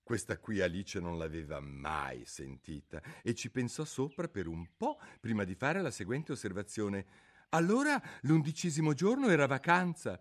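Expressive male storybook narrator. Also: low-pitched, moderate pace, hardly any pauses. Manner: expressive storytelling, switching into character voices. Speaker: audiobook narrator. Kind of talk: scripted narration.

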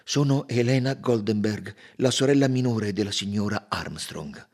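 A man's voice: fairly low pitch, normal speed, darkish tone. A man voicing a young countess who speaks firmly and earnestly. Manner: firm, earnest pleading. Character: young countess, proud, then passionate.

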